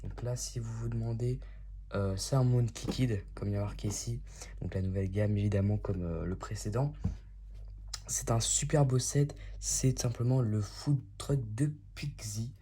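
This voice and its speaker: A man's voice: fairly low pitch, normal speed, mellow, slightly rough. A man hosting a casual unboxing vlog, talking in a chatty and enthusiastic way. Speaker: YouTube host.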